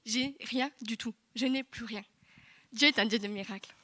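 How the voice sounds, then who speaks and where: A young woman giving a lively, chatty testimony in church, full of asides to the congregation. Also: a little high, normal speed. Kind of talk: sermon testimony. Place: church hall.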